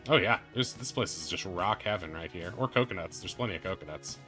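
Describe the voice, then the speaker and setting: A man running a tabletop role-playing game online, chatty and quick to laugh, often restarting his sentences. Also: low-pitched, expressive, music in the background. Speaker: game master.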